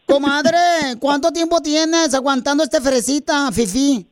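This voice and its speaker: High-voiced Mexican radio host, slangy Chicano manner. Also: male voice, a little slow. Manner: street-slang Chicano Spanish manner, teasing. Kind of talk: casual, slangy call-in radio chat.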